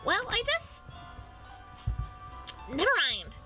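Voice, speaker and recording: A woman's voice: extremely high pitch, huge pitch swings, takes it slowly, over music, voice pushed up, heavily acted, poor audio. A woman voicing a nasal, grumpy and easily flustered young girl while reading a visual novel aloud.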